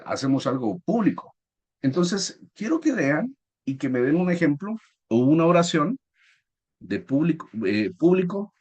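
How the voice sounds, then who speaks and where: A man's voice: mid-range voice, a little mellow. A man teaching a spelling lesson, explaining patiently and asking his class questions.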